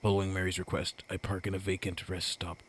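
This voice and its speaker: A man's voice: low voice, monotone, fast talker, a little hiss or hum. A man hosting a gaming video, reading visual novel narration aloud with casual asides.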